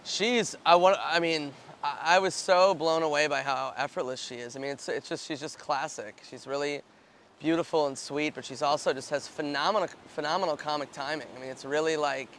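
A man's voice: on the high side, a little fast, a bit bright, slight background noise. A man being interviewed about a film, talking casually and animatedly, with many restarts.

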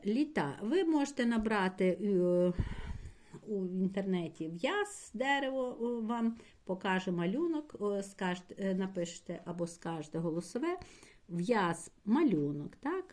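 A woman teacher gives a patient primary school language lesson, addressing her pupils directly as she explains slowly and spells out words syllable by syllable. Her voice is medium-pitched with a darkish tone.

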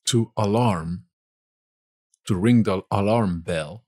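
A man from Spain with a Spanish accent, teaching vocabulary in a slow lesson and saying each word twice. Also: fairly low pitch, warm tone, dry recording, studio quality.

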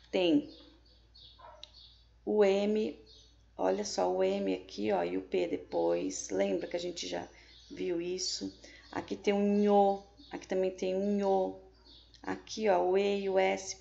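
A woman's voice: medium pitch, gravelly, darkish tone, lo-fi sound. A woman with a Brazilian Portuguese accent, teaching a remote lesson to young pupils and explaining each step patiently, with frequent checks. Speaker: primary school teacher.

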